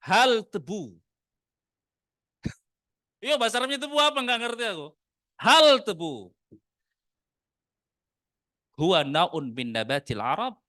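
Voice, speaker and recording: A man with an Indonesian accent teaching an Arabic class in a mosque study room, in a casual classroom manner, mixing Arabic phrases into relaxed Indonesian with joking asides. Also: sits high, takes it slowly, long pauses, no room sound, clean studio sound.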